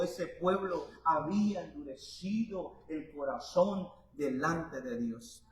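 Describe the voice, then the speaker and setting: A pastor delivers his sermon in a high, unhurried voice, repeating his lines for emphasis and rising into shouts. He sounds set back from the microphone. The recording carries the heavy echo of a large church hall. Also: slight background noise. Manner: emphatic repetitive preaching, addresses congregation as brothers; builds to loud, shouted climaxes. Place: church sanctuary. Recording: very echoey church hall, voice from far off.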